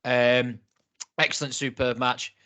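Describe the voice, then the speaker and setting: A man's voice: mid-range voice, flat delivery, slow, bright, forceful tone. A man co-hosting a casual wrestling review chat, talking in a chatty, laughing way. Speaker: podcast co-host.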